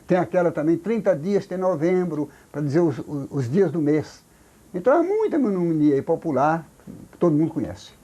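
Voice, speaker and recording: Older man, Brazilian Portuguese accent, husky, mellow tone, halting speech, folklorist interviewee. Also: a little high, sing-song. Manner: halting, many repeated words and restarts. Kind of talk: recorded oral history interview.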